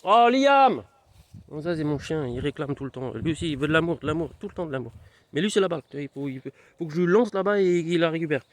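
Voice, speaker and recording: A man's voice: on the high side, racing, darkish tone. A young man vlogging outdoors in his garden, rambling playfully and talking straight to the viewer. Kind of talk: casual outdoor vlog chat.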